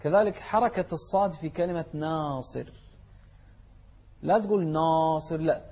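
A man's voice: on the high side, a little mellow, slightly rough, muffled recording. Man teaching Quran recitation. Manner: slow melodic recitation alternating with brisk corrective explanation. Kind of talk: tajweed lesson with recitation.

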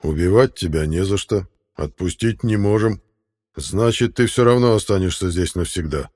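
A commanding fairy king, read by a man, speaks in a measured, authoritative tone. His voice sits low, and he sounds stern but controlled. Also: a little mellow, slightly rough. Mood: calm. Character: stern male fairy ruler, calm and commanding.

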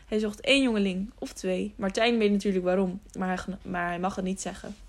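A woman voicing a fiery rebel of a townsman who speaks with open scorn and urgency, calling his neighbours to act. The audiobook reading stays close to her own mid-pitched voice, with lines that push louder. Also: fairly even intonation, brisk, natural voice. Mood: urgent.

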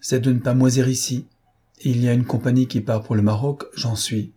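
A man voicing an elegant gentleman-thief posing as a recruit, speaking in curt, commanding phrases. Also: medium pitch, steady tone, moderate pace, breathy edge, lightly acted.

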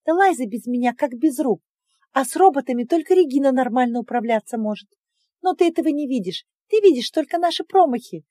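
Audiobook figure: woman reading a sharp-tongued young maid, high and quick, lively pitch, dry close sound. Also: no echo. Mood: defiant. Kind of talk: audiobook character voice.

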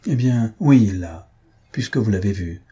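A man's voice: lowish voice, expressive, moderate pace, dark tone, breathy edge. Man reading a guarded young countess. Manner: curt, restrained replies. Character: young woman, reserved countess, proud and guarded.

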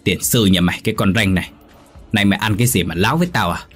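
A man's voice: sits low, fast, husky, soft background music. A man voicing a grumpy old male landlord who scolds his servants and stammers in fright. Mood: angry scolding. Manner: shouting, stammering in terror.

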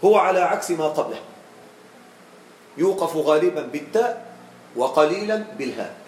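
A teacher in an echoing classroom. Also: male voice, fairly high pitch, animated, a little hiss or hum. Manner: checks with students, slows to model examples. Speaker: grammar teacher. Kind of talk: classroom lesson.

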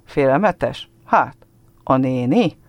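A man's voice: mid-range voice, expressive, no room sound, lo-fi sound, lightly acted. A man reading a story aloud, voicing a shy, tearful little village boy who talks earnestly in a dialect-tinged, childlike way. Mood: eager. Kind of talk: literary reading.

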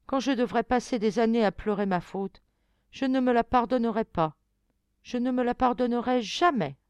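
A woman's voice: on the high side, moderate pace, darkish tone, smooth, dry recording, pitched above the performer's own voice, lightly acted. A woman voicing a grieving, remorseful young girl in an audiobook, pleading and tearful in a raised voice. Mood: anguished. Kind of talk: audiobook reading.

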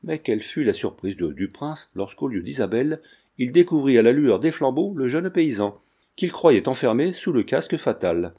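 A man reading a classic novel aloud with a measured storytelling cadence. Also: medium pitch, big pitch swings, dark tone, breathy edge. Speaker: audiobook reader.

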